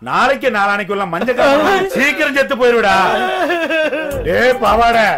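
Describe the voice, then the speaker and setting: A weepy sentimental drunk. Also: male voice, extremely high pitch, animated, moderate pace. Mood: lamenting. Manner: wailing, lamenting drunk. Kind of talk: comic film dialogue.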